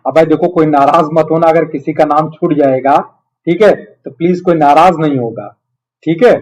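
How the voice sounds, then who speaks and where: A man with a moderately high-pitched voice teaches an online class. He talks conversationally and explains step by step, as one would to children. He is encouraging and keeps adding little tags to check that his students follow. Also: normal speed, darkish tone, poor audio. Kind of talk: live quiz lesson with students, conversational teaching.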